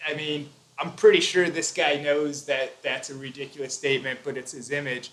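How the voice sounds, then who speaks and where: A man's voice: a little high, flat delivery, moderate pace, a bit bright. A man hosting a casual live stream, explaining his views at length with fillers and restarts.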